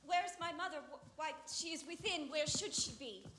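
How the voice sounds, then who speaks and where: A woman's voice: high-pitched, brisk, background noise, lightly acted. A woman acting an eager, impatient young girl in love on a theatre stage, pressing with urgent questions. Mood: pleading. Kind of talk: live stage acting of verse drama. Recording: roomy theatre stage sound.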